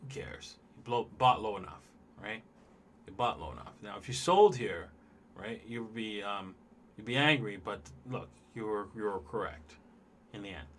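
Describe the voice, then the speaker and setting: A man with a lowish, fairly bright voice hosts a casual livestream at normal speed, talking loosely and ramblingly straight to his viewers while he looks over charts.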